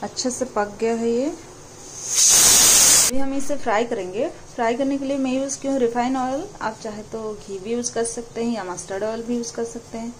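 A woman's voice: a little high, fairly even intonation, moderate pace, noisy background. A woman hosting a cooking channel, explaining each step of a recipe to viewers from her home kitchen. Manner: explains steps plainly, addresses viewers directly.

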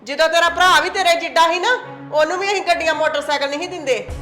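Woman doing a scolding mom, rapid and sharp, very high bright voice, echoey room w/ faint music. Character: scolding middle-aged mother, sharp-tongued. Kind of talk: home-made family skit acting.

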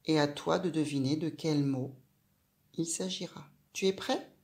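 A woman teaching a reading lesson to a young child, sounding out syllables slowly and clearly and asking the child questions. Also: low-pitched, a little mellow. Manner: slow, clear, syllable by syllable, addressing the child directly.

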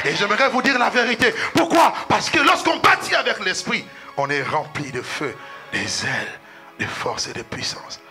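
A middle-aged man preaches with a high, piercingly bright voice, swinging into fervent shouts. He is recorded in a church with soft music faintly playing behind him. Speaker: pastor. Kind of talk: sermon.

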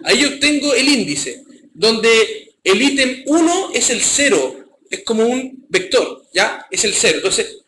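A man's voice: very high-pitched, pushed and bright, echoey room, slight background noise, poor audio. A man with a Chilean accent teaching a live programming class, often checking in with his students as he goes.

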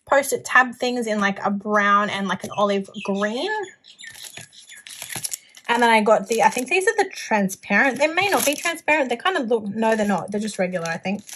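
Showing off a planner haul, a young Australian vlogger chats informally and gushes about her finds in a voice on the high side. The recording is rough, with slight background noise.

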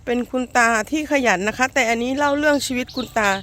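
Woman, high voice, playful mock-earnest vlog narrator of a homemade skit, recorded outdoors with light background noise. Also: fast talker, fairly bright tone. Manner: playful, mock-earnest presenting with polite sentence endings. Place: outdoors in a rural garden. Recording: noisy outdoor amateur recording.

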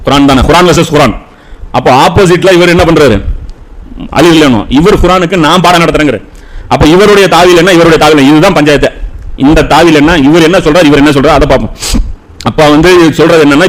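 A man's voice: a little high, rough recording. A man giving an argumentative Islamic lecture, asking rhetorical questions and slipping English words into his speech. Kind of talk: religious lecture.

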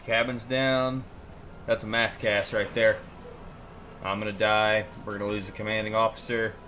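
Wry man gaming over clearly noisy audio. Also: on the low side, little pitch movement, moderate pace, bright, forceful tone. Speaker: player in a military game squad. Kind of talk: casual gaming chat. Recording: noisy game voice chat.

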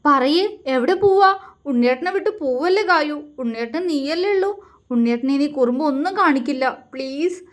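A woman's voice: sits high, very animated, normal speed. A woman doing a clingy, childlike young man. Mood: pleading. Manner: pleading, tearful, wide-eyed. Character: childlike, clingy young husband who frets easily.

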